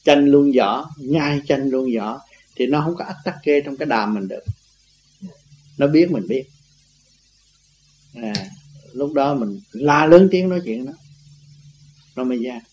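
Rambling man teaching, mellow voice. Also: mid-range voice, lively intonation, measured pace, long pauses, slight background noise, low-quality recording. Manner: rambling, repetitive, laughs often. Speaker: spiritual teacher. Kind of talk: informal religious teaching talk.

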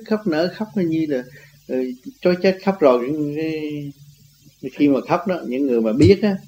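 A man's voice: a little high, dark tone, a little hiss or hum, poor audio. A man giving an informal spiritual teaching, rambling and repeating himself, laughing now and then. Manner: rambling, repetitive, laughs often. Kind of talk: informal religious teaching talk.

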